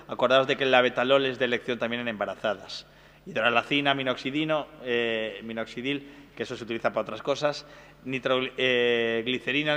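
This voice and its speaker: Male medical lecturer, brisk and instructive, in a reverberant hall. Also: mid-range voice, fairly bright tone. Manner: brisk, checking in with listeners. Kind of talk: exam-prep medical lecture.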